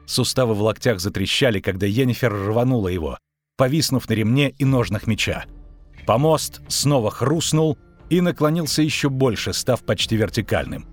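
A man narrating an audiobook in a steady, dramatic reading. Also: medium pitch, normal speed, faint music behind. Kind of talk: scripted narration.

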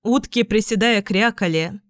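A woman narrating a storybook tale in an unhurried, even reading. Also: medium pitch, dry recording, clean studio sound.

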